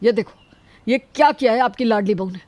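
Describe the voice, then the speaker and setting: A woman voicing a short-tempered young husband in a cartoon, shouting with irritation. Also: a little high, fairly quick, no echo, natural voice. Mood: angry. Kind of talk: cartoon voice acting.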